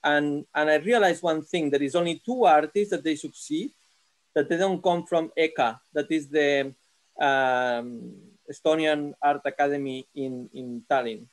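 A man in his thirties with a Catalan accent talks through a video call from his living room sofa. His voice sits fairly high, and he speaks haltingly, restarting his phrases as he searches for words. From Catalonia, Spain. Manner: halting, many restarts and fillers. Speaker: seminar participant, visual artist. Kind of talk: casual question in an online seminar. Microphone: laptop camera on a video call.

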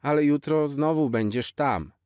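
A man voicing an eager, hopeful little boy in a children's storybook, with a high childlike pleading voice. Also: measured pace, darkish tone, clear, resonant tone, no room sound, studio quality, lightly acted. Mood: shy. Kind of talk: storybook character voice.

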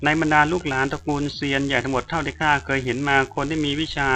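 A man's voice: on the high side, little pitch movement, fast, pushed and bright, faint music behind. Male narrator doing a teasing, easygoing young hero; storybook voice. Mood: encouraging. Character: cocky cheerful young male cultivator.

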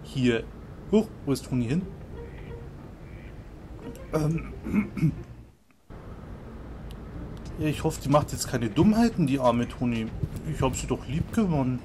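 A man's voice: medium pitch, lively intonation, slow, long pauses, a little mellow, a little hiss or hum. A man giving casual, chatty commentary on a video game, laughing along. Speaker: let's play host. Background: game music.

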